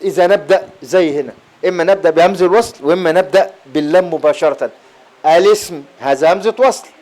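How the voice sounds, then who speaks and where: Fast-talking Egyptian man teaching recitation. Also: a little high, darkish tone. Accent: Egyptian Arabic. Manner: explanatory, chants verse fragments, repeats words slowly. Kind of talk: classroom lesson on recitation readings. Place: lecture hall at an Islamic boarding school.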